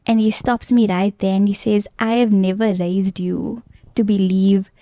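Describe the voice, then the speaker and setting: Mellow-voiced woman telling a story. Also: mid-range voice, measured pace, dry recording, studio quality. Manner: earnest, animated retelling with filler ums. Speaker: podcast guest. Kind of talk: casual storytelling.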